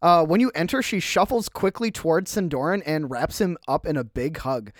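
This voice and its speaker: A man's voice: a little high, normal speed, dry recording, studio quality. A man narrating a tabletop game as game master, casual with many fillers.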